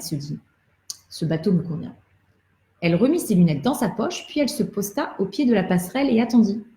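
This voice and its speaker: A woman's voice: mid-range voice, mellow. Woman reading a storybook aloud. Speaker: storyteller for children. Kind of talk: reading a children's book aloud. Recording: roomy echo.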